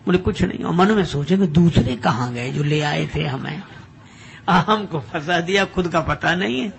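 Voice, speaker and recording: An older man delivers a light-hearted devotional discourse, slipping in and out of his characters' voices as he tells the tale. His voice is gravelly and sits a little high. A faint background hum runs under the recording. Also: animated, normal speed. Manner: acts out dialogue of story characters with shifting loudness. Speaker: spiritual discourse speaker. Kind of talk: humorous devotional storytelling sermon.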